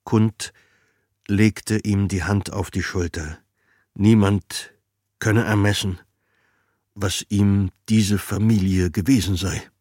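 A man narrating a literary novel in a calm, measured, dry storytelling manner. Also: deep voice, slightly rough, no room sound. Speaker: audiobook narrator.

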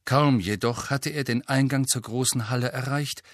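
A man narrating an audiobook in a measured, even reading. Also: medium pitch, no echo, studio quality. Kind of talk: scripted narration.

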